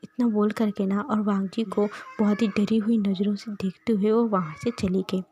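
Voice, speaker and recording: A woman's voice: medium pitch, steady tone, normal speed, warm tone, a little hiss or hum. A woman casually retelling a fan-fiction romance, half-whispered, with frequent restarts. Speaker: storyteller.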